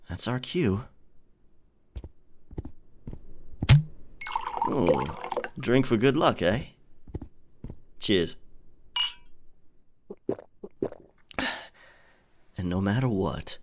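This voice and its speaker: Over a noisy background, a man with a fairly low voice plays a charming, flirtatious pirate captain in a romantic audio roleplay. His mood is hearty as he teases his lover and speaks to them tenderly.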